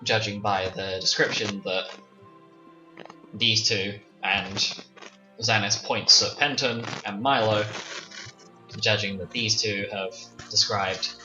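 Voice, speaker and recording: A man's voice: on the low side, reverberant, far from the mic. A man running a tabletop game over a crackly, muffled voice-chat line, hesitant and full of restarts. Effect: crackly, muffled voice-chat line like a bad cordless phone. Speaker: game master. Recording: dull, crackly lo-fi line with faint music.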